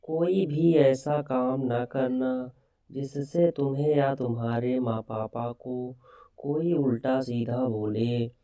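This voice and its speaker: An old grandmother lecturing with careful warnings, as a man reads her in a storybook tale. The delivery is slow and mellow, picked up a bit far from the microphone. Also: medium pitch, steady tone, natural voice. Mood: cautioning. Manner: cautioning, instructive. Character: old grandmother giving stern advice.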